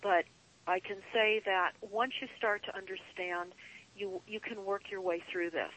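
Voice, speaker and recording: A woman guest on a call-in show, speaking in an earnest, deliberate, emphatic way, like a paranoid late-night rant with drawn-out phrases. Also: mid-range voice, fairly even intonation, a bit bright, a little hiss or hum, poor audio. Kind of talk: earnest conspiracy monologue.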